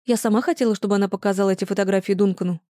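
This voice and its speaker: An audiobook narrator voicing an eager, pleading young woman in a romance story, with quick, breathless lines. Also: medium pitch, fairly even intonation, warm tone, dry recording, clean studio sound, natural voice.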